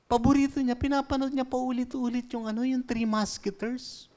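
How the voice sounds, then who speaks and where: A man voicing an excited small child gossiping with other children, in a high, bouncy voice. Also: normal speed. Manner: excited, high-pitched storytelling. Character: chatty small child telling tales.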